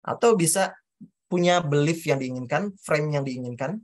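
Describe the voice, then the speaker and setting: Low-voiced woman giving a workshop. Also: moderate pace, darkish tone. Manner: addresses the audience directly, acts out example questions; hesitant restarts while explaining. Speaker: speaker at a coaching talk. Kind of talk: presenting a workshop on self-questioning. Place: talk venue before an audience.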